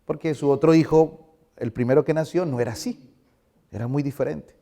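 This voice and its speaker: A man's voice: a little high, moderate pace, creaky, dark tone. A middle-aged male pastor giving a conversational sermon in a church, asking the congregation questions.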